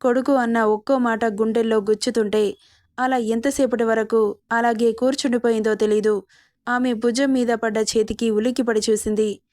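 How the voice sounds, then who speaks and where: A woman narrating a dramatic serial audio story in a steady storytelling manner. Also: fairly high pitch, moderate pace, no echo, studio quality.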